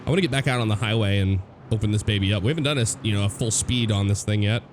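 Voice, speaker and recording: Commentating casually on a driving game, this young man from the United States rambles in a relaxed way, often using fillers and starting over. His voice is lowish, rough and hoarse from a cold, and he talks at a racing pace. The game's car engine and road sounds play loudly behind him.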